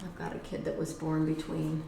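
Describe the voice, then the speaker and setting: A woman's voice: low voice, monotone, fairly quick, creaky, echoey room, noisy background. A middle-aged woman giving a casual tarot reading, blunt and profane, with emphatic repetitions. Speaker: tarot reader.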